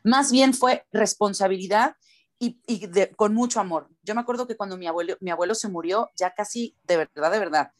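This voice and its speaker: A woman's voice: medium pitch, fairly quick. A woman from Mexico, a voice actor with a Mexican Spanish accent, speaking earnestly and emphatically in an interview. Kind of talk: conversational interview.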